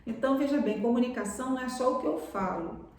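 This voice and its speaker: A woman's voice: fairly high pitch, fast, distant mic, slight background noise. Woman preaching in an echoey room. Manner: warm pastoral address, calls listeners "amados". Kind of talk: sermon on a live stream.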